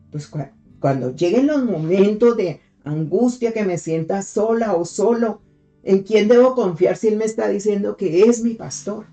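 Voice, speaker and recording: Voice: medium pitch, mellow. A devotional preacher giving a sermon, teaching step by step, asking rhetorical questions and repeating key phrases for emphasis.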